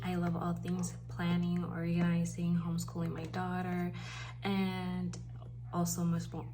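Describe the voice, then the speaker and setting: A stay-at-home mom from Puerto Rico vlogs about planners at home, her fairly low, creaky voice carrying a Puerto Rican accent. She's chatty and rambles a little, correcting herself as she goes. The audio quality is poor.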